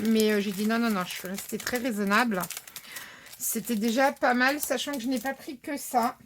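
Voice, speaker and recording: A woman from France chatting casually through a scrapbooking haul, narrating items with many fillers as she thinks aloud. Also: on the high side. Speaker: scrapbooking vlogger.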